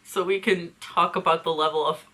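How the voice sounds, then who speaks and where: A woman's voice: lowish voice, fairly even intonation, moderate pace, sharp tone, a little hiss or hum. A woman hosting a casual book breakdown, giving sarcastic, exasperated commentary. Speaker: host.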